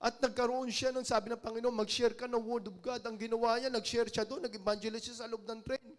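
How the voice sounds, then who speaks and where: Filipino lay preacher, high-pitched man, sermon storyteller, dips quiet then swells loud. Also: level tone, fairly quick. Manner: storytelling, acting out quoted voices, swings from hushed to loud. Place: church.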